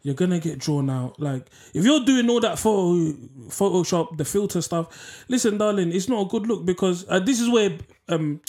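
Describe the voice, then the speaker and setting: A man's voice: high-pitched, lively intonation, normal speed, hardly any pauses, darkish tone. A young man with an urban London roadman accent, chatting casually and giving advice in an emphatic, repetitive, slangy way.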